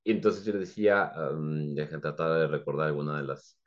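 Deep-voiced Mexican man acting out anecdotes. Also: brisk, lo-fi sound. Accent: Mexican Spanish. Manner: animated, acts out little scenes. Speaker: host father of an exchange student. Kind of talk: casual podcast storytelling.

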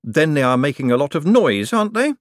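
A man's voice: a little high, sing-song, brisk, no room sound, studio quality, voice pushed up. A man doing an icy, pompous chief clerk. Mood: uneasy. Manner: disdainful, hesitant "mm" before replies.

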